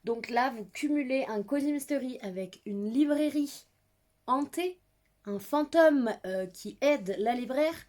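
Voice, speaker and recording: Young female book vlogger, slightly high voice, giggly and self-deprecating, casual chat. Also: expressive, a little slow, darkish tone. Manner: chatty, giggly, self-mocking.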